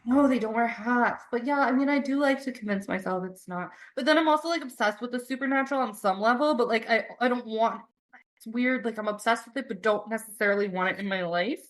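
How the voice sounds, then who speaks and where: A woman's voice: fairly high pitch, brisk. Rambling young woman, swearing podcast host. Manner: rambling, lots of "like", swears freely. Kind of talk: casual chat and storytelling.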